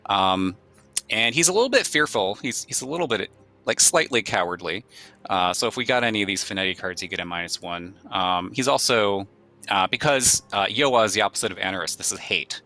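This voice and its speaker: Bright-voiced man explaining his game. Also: on the low side, animated, brisk. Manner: explanatory, many fillers. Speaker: game developer demoing his game. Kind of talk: live game walkthrough.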